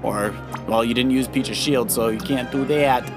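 A man, probably in middle age, speaks at a medium pitch with a steady tone and moderate pace. As a father co-hosting a children's let's play, he offers casual, explanatory gameplay commentary, advising on moves like a coach over video game music.

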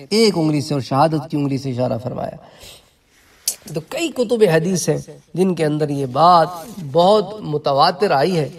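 Man giving a religious lecture, fairly high. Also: darkish tone, recorded from a distance. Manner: explanatory, recounting traditions and adding asides to listeners. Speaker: religious teacher.

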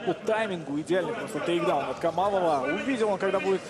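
Quick male fight analyst over loud crowd. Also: high voice. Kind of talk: live analytical sports commentary. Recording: loud arena crowd behind.

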